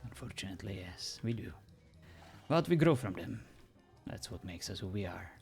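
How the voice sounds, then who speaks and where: A man playing a genial, teasing gentleman who speaks politely and playfully in an improvised role-play game. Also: sits low, lively intonation, normal speed, vocal fry, husky, soft background music, full character voice. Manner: polite, playful, chuckles often. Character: genial, teasing gentleman, a self-described simple working man.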